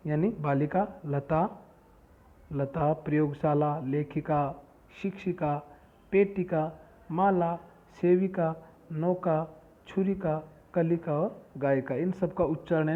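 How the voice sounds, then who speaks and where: Male teacher, slow deliberate delivery, repeats words and quizzes back, thin phone-line audio. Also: a little high. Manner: repeats each word and asks questions back; reads terms slowly one by one. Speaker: school Sanskrit teacher. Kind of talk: lesson explaining word meanings. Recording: tinny phone-like sound.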